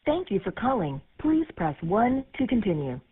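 A woman's voice: medium pitch, moderate pace, slightly rough. A woman's recorded voice reading a formal phone menu announcement, as a stiff automated prompt spliced together from separate recorded words. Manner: formal, even prompt delivery. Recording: narrow tinny phone line.

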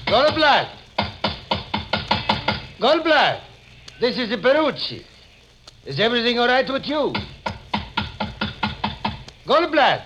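Excitable, high-voiced Italian shopkeeper. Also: male voice, highs cut off, music in the background. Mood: alarmed. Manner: excitable, halting broken English. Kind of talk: old-time radio drama acting. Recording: noisy old radio recording, clicks.

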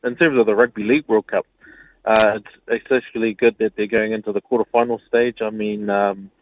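A man's voice: fairly low pitch, flat delivery, fairly quick, no echo. New male caller, chatty, comes through a tinny phone line, dry sound, casual radio call-in talk. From New Zealand. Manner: chatty, says mate often. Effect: heard over the phone line.

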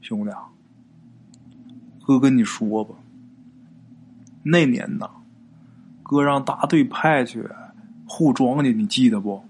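A man's voice: mid-range voice, takes it slowly, pauses often, darkish tone, a little hiss or hum, pitched below the performer's own voice, close to an everyday voice. A man voicing a boastful middle-aged village man who talks in a coarse, folksy way. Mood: boastful, spooked. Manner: coarse, swaggering folksy talk.

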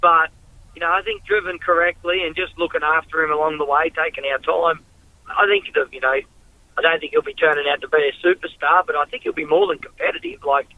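Matey Australian working bloke on a tinny phone. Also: male voice, fairly high pitch, fairly even intonation, fairly quick, dry recording. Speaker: harness racing driver and guest. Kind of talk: casual phone interview. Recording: tinny dry phone line.

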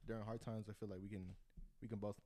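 Lowish-voiced young man in slangy chat. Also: little pitch movement, quick pace, dark tone. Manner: laid-back, slangy, says bro often. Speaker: podcast co-host. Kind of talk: casual chat.

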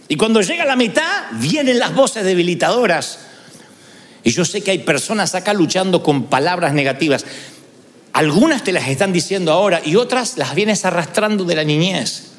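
A man's voice: sits high, moderate pace, big-room sound. A man preaching a sermon in a church, telling stories and acting out inner voices. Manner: animated storytelling preacher, acts out inner voices. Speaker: pastor.

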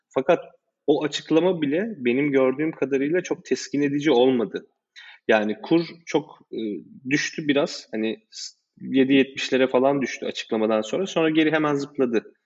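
A man hosting a casual discussion, explaining in a measured way with hesitant fillers. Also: mid-range voice, a little mellow, lo-fi sound. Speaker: host.

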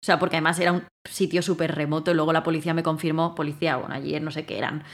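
A woman telling a story in casual conversation, acting out her own lines with bursts of loudness. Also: low-pitched, racing. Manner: animated, acts out her own quotes loudly. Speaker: guest.

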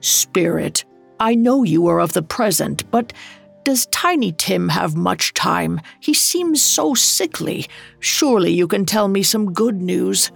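A woman's voice: fairly low pitch, expressive, takes it slowly, vocal fry, faint music behind, full character voice. A woman voicing an old miserly man who speaks in a hesitant, pleading way.

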